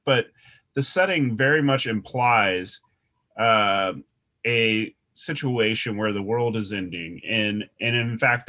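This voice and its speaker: A man's voice: fairly low pitch, pushed and bright. A man co-hosting a podcast, explaining a game casually with hesitant restarts. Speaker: podcast co-host. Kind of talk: casual chat.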